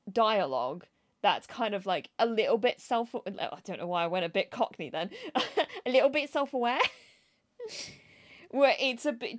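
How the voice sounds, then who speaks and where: A woman co-hosting a film podcast, talking in long, rambling digressions that keep interrupting themselves. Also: on the high side. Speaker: podcast co-host. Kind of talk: casual film chat.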